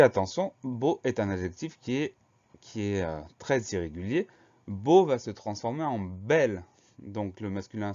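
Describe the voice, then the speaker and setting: Patient low-voiced man spelling words aloud. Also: a little mellow, dull audio. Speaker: teacher. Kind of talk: spelling lesson.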